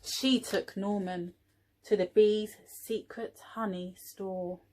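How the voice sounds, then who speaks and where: A woman reading a picture book aloud to young children, expressively, pausing for little asides to the listeners. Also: mid-range voice, steady tone, a little mellow, low-quality recording. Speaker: early years teaching assistant reading a storybook.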